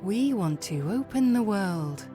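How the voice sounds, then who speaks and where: Serene female spokeswoman, unhurried mellow delivery, scripted promotional narration, research facility film. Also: mid-range voice, lively intonation. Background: music.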